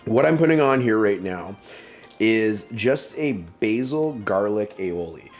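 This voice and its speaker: A man's voice: fairly low pitch, expressive, slow, faint music behind. A man casually demonstrating a recipe at home, rambling and enthusiastic with plenty of fillers. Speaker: home cook. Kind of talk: casual cooking demo.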